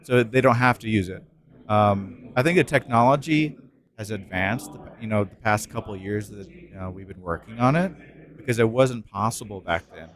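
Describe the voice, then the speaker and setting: A man's voice: on the low side, normal speed. A man co-hosting a casual podcast, talking loosely with many fillers and restarts. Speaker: podcast co-host.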